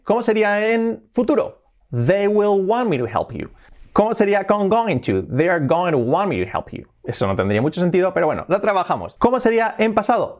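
A man teaching an English lesson, asking questions to his learners and answering them himself, with short laughs between examples. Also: a little high. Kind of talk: language lesson.

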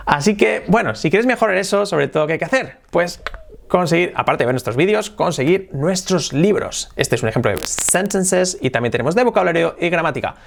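Spanish guy teaching english online, lively, drills phrases slow, mixes spanish and english. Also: a little high, vocal fry. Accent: Spain Spanish.

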